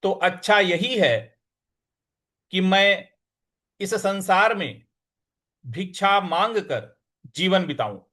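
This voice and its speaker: A man's voice: high-pitched, animated, sharp tone. A man teaching verse pronunciation, breaking words into syllables and chanting the lines in a sung tone. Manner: slow, syllable-by-syllable pronunciation drills. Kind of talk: Sanskrit recitation lesson.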